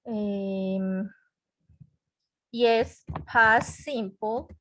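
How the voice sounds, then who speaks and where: This woman's medium-pitched, slightly bright voice goes very slowly while she teaches English grammar in an online class. She breaks things down step by step and checks in with students, heard through a computer mic in a web conference.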